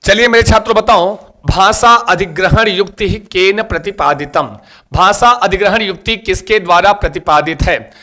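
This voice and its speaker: A man's voice: high voice, normal speed, pushed and bright. A man teaching a live online exam-prep class, quizzing students and coaxing them over and over to like and share. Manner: repetitive, coaxing.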